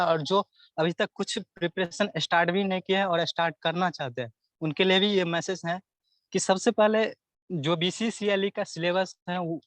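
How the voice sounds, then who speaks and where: A man's voice: on the high side, fairly bright tone, dry recording. A young man, giving earnest advice as a student guest in an interview, often repeating himself as he lists topics. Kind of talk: casual interview answers.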